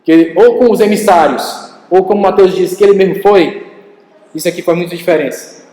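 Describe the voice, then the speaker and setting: A Brazilian pastor with a high, light man's voice preaches in a lively storytelling way, often turning to the congregation with direct questions. His voice rings out with a long reverb that fills a big church hall. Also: a little fast. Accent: Brazilian Portuguese. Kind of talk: sermon.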